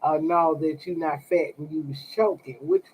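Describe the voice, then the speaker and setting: A woman's voice: deep voice, huge pitch swings, normal speed, darkish tone, a little hiss or hum, low-quality recording. A woman chatting casually on a livestream as a tarot reader, blunt and profane, talking straight to her viewers. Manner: blunt and profane, talks to chat directly.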